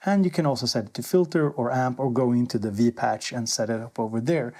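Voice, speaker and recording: This synth reviewer and presenter has a mid-range, steady, warm voice and talks briskly. He's giving a casual hands-on gear demo, thinking aloud informally as he goes. Synthesizer music plays alongside his voice.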